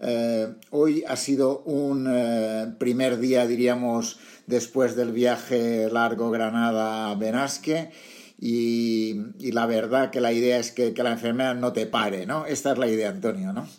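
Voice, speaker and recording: A man's voice: medium pitch, measured pace. A man hosting a podcast, interviewing guests in a casual way with frequent fillers. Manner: relaxed, many fillers. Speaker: podcast host.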